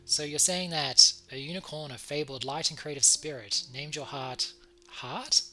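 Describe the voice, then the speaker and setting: A wounded man turning vampire in a visual novel, acted out by a man. He sounds dazed, bewildered and earnest, with a bright, forward tone. Faint music sits behind the voice. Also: a little high, normal speed.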